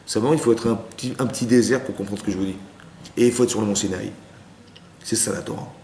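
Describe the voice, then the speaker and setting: A man's voice: lowish voice, steady tone, quick pace, warm tone. A man, a rabbi, giving a spoken Torah lesson to a women's class. He mixes Hebrew terms into his talk and keeps asking his listeners if they understood. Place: lecture room with listeners. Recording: roomy room with faint background noise.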